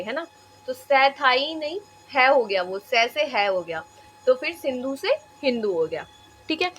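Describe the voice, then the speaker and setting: High-pitched lady teacher drilling facts, repeats everything, keeps asking "right?", mixes in english words. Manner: repetitive, checks in with "है ना"; mixes English terms into Hindi. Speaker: exam-prep teacher. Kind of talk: classroom lecture.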